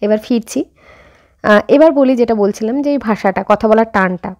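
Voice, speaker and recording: A quick-talking woman in her thirties narrates her day straight to her viewers, with a slight rural Bengali lilt and lots of fillers. Her voice sits a little high, and she is recorded on a camera held some way off, at home and outdoors. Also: darkish tone. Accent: Bengali with a slight rural Jessore-Khulna lilt. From India. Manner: chatty, addresses viewers directly, frequent fillers. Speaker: vlogger. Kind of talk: casual vlog narration. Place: home and outdoors while running errands.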